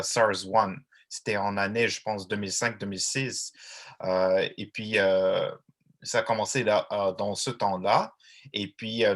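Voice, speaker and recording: A man answering questions informally, explaining step by step in a halting way with repeated phrases. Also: fairly low pitch, a bit bright.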